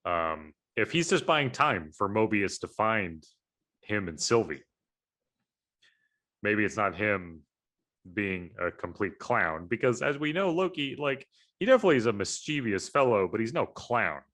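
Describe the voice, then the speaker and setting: Low-pitched male co-host, bright edge, thinks aloud in long meandering casual chat. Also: sing-song, measured pace. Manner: analytical, rambling with fillers. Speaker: podcast co-host.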